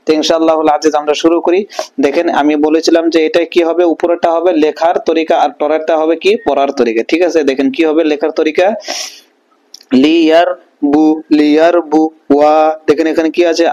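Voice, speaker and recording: A man with a Bangladeshi Bengali accent teaching a Quran reading lesson, often checking in with his students and slowly sounding out syllables. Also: a little high, little pitch movement, a little mellow, lo-fi sound.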